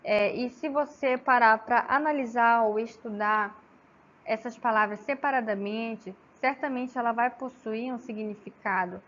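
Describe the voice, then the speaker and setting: A woman from gives an academic talk, halting, with frequent tag questions and restarts. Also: on the high side, fairly bright tone, a little hiss or hum. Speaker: student presenter. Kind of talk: academic oral presentation. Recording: slightly dull lo-fi with faint ambience.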